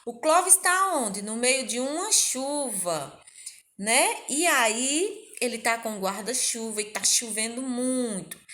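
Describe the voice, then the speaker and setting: Brazilian woman, primary teacher, fairly high voice, gentle and patient with young kids. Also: lively intonation, slow pace. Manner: gentle, uses diminutives and rhetorical questions. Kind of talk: recorded lesson for young children.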